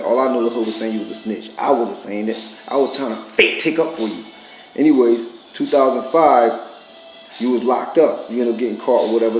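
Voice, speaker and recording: Man, profane accusatory rant to camera, mid pitch, roomy echo, faint music. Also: a little mellow. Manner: profane, accusatory, streetwise slang. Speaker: vlogger.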